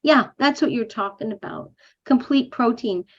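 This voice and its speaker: A woman's voice: a little high, expressive, moderate pace, gravelly, highs cut off. A woman hosting an interview over a video call, asking short clarifying questions. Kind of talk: casual interview.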